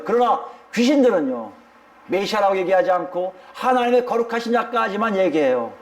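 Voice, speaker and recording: A male pastor preaching a sermon, speaking emphatically and addressing the congregation directly. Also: high voice.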